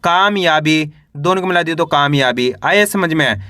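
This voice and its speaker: Male reading teacher, high bright voice, slow syllable-by-syllable delivery, close dry mic. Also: expressive, no echo. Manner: spells each syllable slowly, then says the whole word; addresses viewers as friends.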